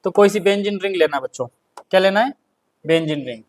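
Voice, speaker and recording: A male chemistry teacher with a Hindi accent, lecturing and dictating notes. He keeps asking the class questions and answering them himself, and he repeats key terms slowly. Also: sits high, lively intonation.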